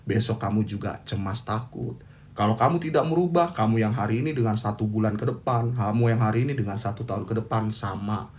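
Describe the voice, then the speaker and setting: A man's voice: fairly low pitch, darkish tone. A man hosting a motivational monologue about anxiety, blunt and teasing, using casual slang and hammering points home by repetition. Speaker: host giving talks on anxiety.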